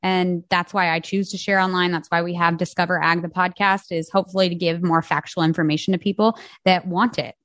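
A woman's voice: lowish voice, level tone, a little fast, hardly any pauses, fairly bright tone, dry recording. A woman explaining things in an upbeat, conversational way as a podcast guest. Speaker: podcast guest, farming advocate. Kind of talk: casual interview chat.

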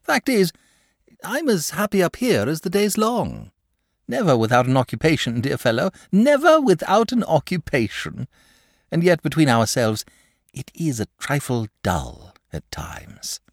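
A lazy, good-natured dragon rattles on in a high, fussy voice, as a man reads him aloud. The chatter is hasty and old-fashioned, leaping up and down in pitch. The sound is dry and close. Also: wildly swooping pitch, a little slow, no echo, heavily acted. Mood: chatty.

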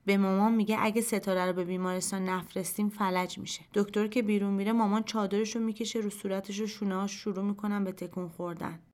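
A woman reading a short story aloud in first person, in a quiet, measured storytelling voice. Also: mid-range voice, level tone. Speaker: narrator. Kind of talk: scripted narration of a short story.

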